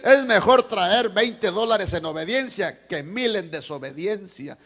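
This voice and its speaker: A man preaching a sermon in church as pastor, swinging between loud shouted passages and quiet asides, acting out the voices he quotes. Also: high-pitched, animated, a little slow.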